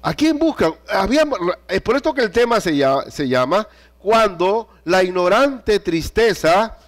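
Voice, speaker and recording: A man delivering a sermon in a somewhat high voice. He reads scripture aloud with animated emphasis. He puts pointed questions to his listeners. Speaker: preacher.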